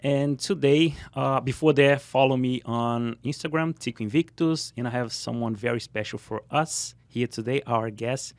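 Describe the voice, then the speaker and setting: A man's voice: mid-range voice, moderate pace, hardly any pauses, no room sound. A man hosting a podcast interview, welcoming with energy and asking questions with frequent restarts. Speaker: podcast host. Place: podcast studio.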